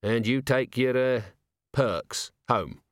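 A man voicing a shrewd male watch commander in an audiobook, dry and gently probing. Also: medium pitch, slow, no room sound, natural voice. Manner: dry, gently coaxing questions.

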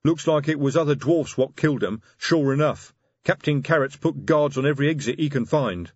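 A man voicing a big, slow, patient male troll sergeant in an audiobook, with a plodding delivery. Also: fairly high pitch, no room sound, muffled recording, pitched above the performer's own voice, lightly acted.

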